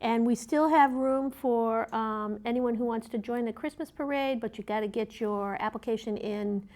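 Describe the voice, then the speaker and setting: A woman co-hosting and reading community event announcements in a conversational, slightly halting way. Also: on the high side, darkish tone. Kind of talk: conversational announcements, read from notes.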